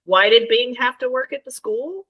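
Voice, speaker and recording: A woman's voice: on the high side, normal speed, muffled recording. A woman co-hosting a podcast in casual chat. She is wry and laughs easily. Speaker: podcast co-host.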